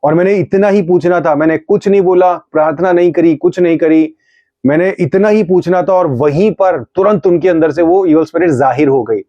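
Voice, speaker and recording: A middle-aged male pastor preaching a testimony with fervent, storytelling energy, voice pitched a touch high. His tone is mellow rather than bright. The recording is slightly dull and dry, with no room around it. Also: normal speed, dry recording. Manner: fervent storytelling, acts out his own rebukes. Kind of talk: testimony sermon.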